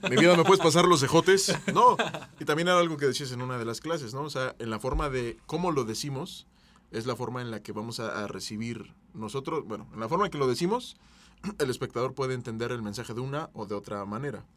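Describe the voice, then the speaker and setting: A Mexican man with an ordinary mid-range voice, hosting a relaxed conversation. He keeps slipping into short, playful impressions to illustrate what he means, chatting easily with a Mexican Spanish accent. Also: medium pitch, fast talker. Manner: playful, acts out little scenes. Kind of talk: casual chat.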